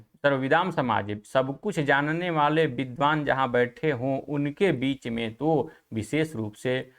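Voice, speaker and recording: A male teacher with a Hindi accent works through Sanskrit verses for exam preparation. His pitch sits in the middle range, and he chants each verse slowly before explaining it in brisk, conversational speech.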